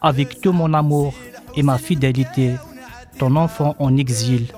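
A man reading a letter aloud in a solemn, measured way. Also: medium pitch, fairly even intonation, music in the background. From Kabylie.

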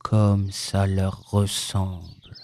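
A woman voicing a gloomy old grey male donkey in a storybook reading, speaking slowly in a low, sombre, sighing voice. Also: lively intonation, mellow, a little hiss or hum, heavily acted.

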